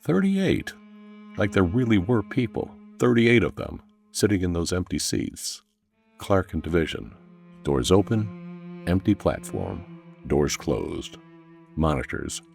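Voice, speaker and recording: A man tells a first-person horror story with measured, tense pacing. His voice sits extremely low and has a gravelly fry to it. Faint music plays underneath. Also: big pitch swings.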